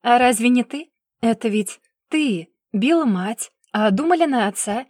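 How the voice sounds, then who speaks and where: A woman voicing a cold, relentless male investigator who presses his case with a calm, lazy drawl, in a Russian audiobook. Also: fairly high pitch, a little slow, no echo, studio quality. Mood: cold, pressing.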